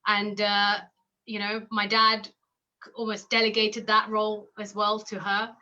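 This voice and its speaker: Woman, interview guest, bright tone, reflective, halting with fillers, slightly dull recording. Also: medium pitch, monotone. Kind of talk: personal conversational interview.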